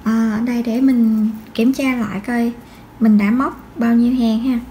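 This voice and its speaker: A high-pitched woman talks through a crochet tutorial. She is patient and counts each stitch aloud. A faint hiss sits behind her voice. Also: steady tone, normal speed, warm tone. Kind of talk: step-by-step crochet instruction.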